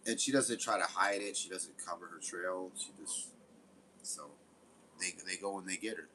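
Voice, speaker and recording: A man's voice: sits low, steady tone, moderate pace, pushed and bright, a little hiss or hum, rough recording. A man giving casual, rambling gameplay commentary, swearing often. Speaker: game streamer.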